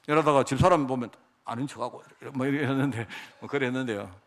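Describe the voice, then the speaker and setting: Middle-aged male preacher, fairly high voice with a wide, expressive range, emotional, folksy sermon that keeps asking for agreement. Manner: emotional, conversational, asks the congregation for agreement. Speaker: pastor.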